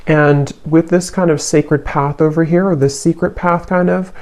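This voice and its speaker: A tarot reader talks through a card spread in a mellow, warm tone. The delivery stays flat and even, unhurried, often pausing to search for the next word. Soft fillers drift in between the thoughts. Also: medium pitch. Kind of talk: tarot card reading to camera.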